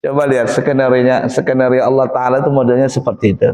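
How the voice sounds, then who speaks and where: A man preaching a sermon, telling funny stories in an animated way and acting out the voices of the people in them. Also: mid-range voice, fast talker. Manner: animated, acts out quoted voices, laughs often. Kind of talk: sermon with humorous storytelling. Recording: echoey hall, long reverb.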